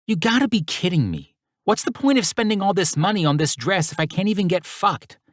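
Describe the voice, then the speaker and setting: Brief: whiny, snappish young woman with a Brooklyn accent, in a high put-on voice, as a male narrator voices her in an audiobook. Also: sing-song, a little fast, no echo, studio quality. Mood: snapping. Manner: whining, snappish.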